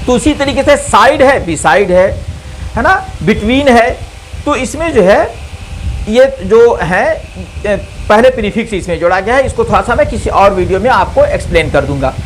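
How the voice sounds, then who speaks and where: A man giving a recorded grammar lesson as a teacher, who speaks slowly, repeats key terms, and asks and answers his own questions. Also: sits high, animated, slight background noise, rough recording. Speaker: English teacher.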